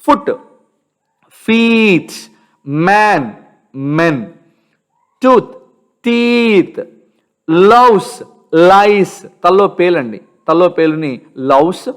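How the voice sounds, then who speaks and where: A man with a Telugu accent teaching an English grammar lesson. He reads example sentences slowly and then quizzes his listeners. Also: high-pitched. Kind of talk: grammar lesson for exam students.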